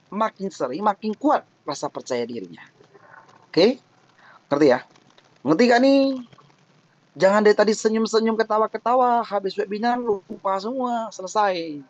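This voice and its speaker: A man's voice: high-pitched, muffled recording. A man giving a casual, joking webinar talk on thesis defense tips, often acting out little mock quotes to make his points. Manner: jokey, lively, acts out mock quotes. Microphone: online webinar mic.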